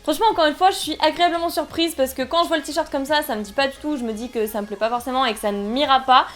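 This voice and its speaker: A woman's voice: high voice, steady tone, very fast, soft background music. A young woman chatting casually through an unboxing, rambling and giggly, poking fun at herself. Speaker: unboxing vlogger.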